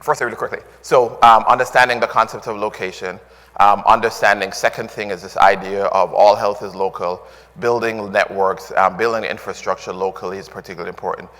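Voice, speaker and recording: A man with a Jamaican accent gives a conference talk in a low voice, stopping often with "um" and "uh" and restarting his sentences. The sound carries a long reverb from a large hall. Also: fairly even intonation, brisk, pushed and bright. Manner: filler-heavy, restarts often, earnest. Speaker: conference speaker.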